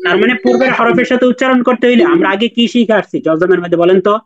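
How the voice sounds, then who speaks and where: A man's voice: very high-pitched, rapid-fire, muffled recording, a crowd in the background. A man teaching Quran recitation in an online class, patiently repeating and drilling letter sounds with his students.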